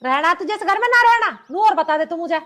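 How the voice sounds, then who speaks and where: A sharp-tongued Haryanvi mother-in-law. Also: very high voice, animated, fairly quick. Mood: scolding. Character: harsh scolding older mother-in-law. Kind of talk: village film drama.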